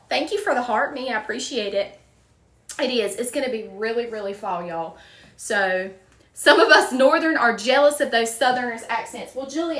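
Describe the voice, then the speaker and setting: A wreath-making livestream host in her forties, from a small town in Virginia, chats casually with her audience in a Southern accent, calling viewers by name while she crafts. Her voice runs high and a bit bright, reverberant and captured on a distant mic.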